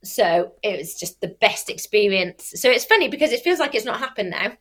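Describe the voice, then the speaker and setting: Woman with soft Rs, saying w for r. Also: mid-range voice, expressive, a little fast. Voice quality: cannot pronounce R well, says w for r. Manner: chatty, explains with examples and self-corrections. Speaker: athlete and youth sports coach. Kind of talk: casual interview answers.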